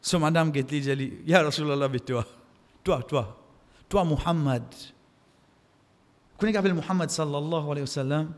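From the pulpit of a mosque, a middle-aged Mauritian Creole-accented man preaches his Friday khutbah at a moderate pace, his voice on the high side and punctuated by frequent pauses. He exhorts with impassioned repetition and Arabic quotations, heard through a close stand microphone in a long-reverb, echoey hall.

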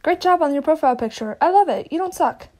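High-voiced young woman, playful and loud. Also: lively intonation, fast. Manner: playful, swears a lot, dramatic outbursts. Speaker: channel host. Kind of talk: casual Q&A chat. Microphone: home microphone.

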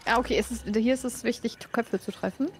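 A woman playing a co-op game who speaks quietly, asking short questions and answering with brief acknowledgements. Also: fairly high pitch, fast, faint music behind. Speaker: newer co-player. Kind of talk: casual gaming chat.

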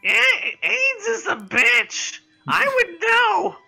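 A sleazy, creepy male doctor with a squeaky, nasal voice pitched absurdly high. He oozes with campy, leering bedside manner. The pitch leaps and swoops wildly. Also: very animated, extremely slow, vocal fry, bright, forceful tone, faint music behind, heavily acted.

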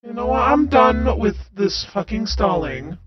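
A man's voice: high-pitched, very animated, unhurried, muffled recording, soft background music, heavily acted. A man playing a mocking, foul-mouthed villain with a taunting, sneering manner in an improvised Minecraft drama. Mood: scornful, impatient.

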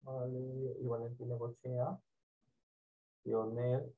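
A male teacher running an online class for children, patient and repetitive, often trailing off into quiet mumbling, with a Peruvian Spanish accent. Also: medium pitch, monotone, slow pace. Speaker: primary school teacher. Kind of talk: online class, casual instructions. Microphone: computer mic on video call. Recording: dull lo-fi call audio.

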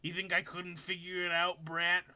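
A man voicing a grim adult male comic-book villain in a slow, low, mock-dramatic reading. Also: monotone, sharp tone. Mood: scornful.

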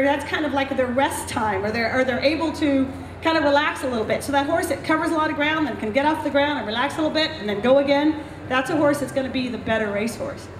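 A middle-aged woman vet with a high-pitched voice explains things to an audience at an outdoor clinic in a racetrack paddock, using a handheld mic. She teaches emphatically and with gestures, and the sound is roomy with slight background noise.

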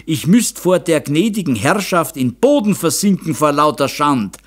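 A man voicing a blustering, hot-tempered Bavarian craftsman in his fifties, shouting in a raised, strained voice. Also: on the high side, sing-song, normal speed, pitched above the performer's own voice. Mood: angry. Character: blustering middle-aged male master craftsman, hot-tempered. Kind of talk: audiobook character voice.

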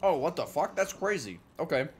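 A man's voice: fairly high pitch, very animated, fairly quick, a little hiss or hum. A man with a Minnesotan accent chatting casually and profanely while streaming a video game, often laughing and musing aloud. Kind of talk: casual live-stream chat while gaming.

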